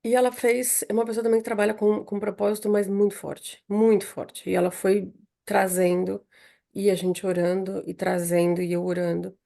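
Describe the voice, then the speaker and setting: A woman tells a personal faith testimony to her listeners. Her voice has a gravelly edge and a dark, mellow tone. She talks in a loose, emotional way, restarting sentences and circling back over the same words. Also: medium pitch, level tone, normal speed. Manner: emotional storytelling with many restarts and repetitions. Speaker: speaker sharing a testimony.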